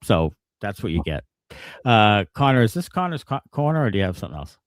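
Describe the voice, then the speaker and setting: A man hosts a casual sports podcast, talking in a lively, swinging voice that rises and falls a lot. He rants with plenty of swearing. The sound is close and dry. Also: fairly low pitch, brisk, no room sound. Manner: animated, profane ranting. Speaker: podcast host.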